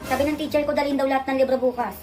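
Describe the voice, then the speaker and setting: A woman's voice: sits high, steady tone, racing, close to an everyday voice. A woman voicing a cheeky young boy who whines and talks back to his mother in a comedy skit. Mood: whiny. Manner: whiny, pleading, cheeky. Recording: background music under the voice.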